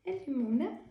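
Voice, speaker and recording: A tired woman with a Burgundy French accent, chatting as she reads tarot cards, full of fillers and soft laughs. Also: high voice, creaky, roomy sound, muffled recording, a little hiss or hum. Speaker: tarot card reader. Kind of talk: casual card-reading video.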